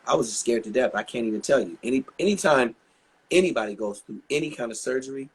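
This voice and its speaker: Older man, husky voice, chatty rambling storyteller, interview guest. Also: mid-range voice, animated, quick pace. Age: 60s. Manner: chatty, rambling anecdotes with many asides. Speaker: guest singer.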